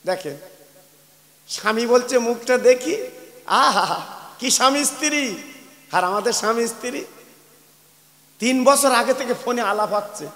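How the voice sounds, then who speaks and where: A man's voice: very high-pitched, normal speed, long pauses, fairly bright tone. A male preacher, telling a devotional story in an emphatic, scolding, sing-song style. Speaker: Islamic preacher. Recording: echoey hall with long reverb.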